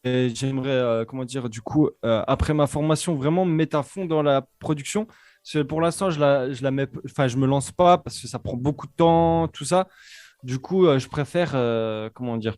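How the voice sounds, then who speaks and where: A man's voice: medium pitch, a little mellow, no room sound, studio quality. Hesitant young man with a Franche-Comté accent. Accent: Franche-Comté French. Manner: hesitant, many fillers and restarts. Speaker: DJ and Twitch streamer, guest. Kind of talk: casual interview chat.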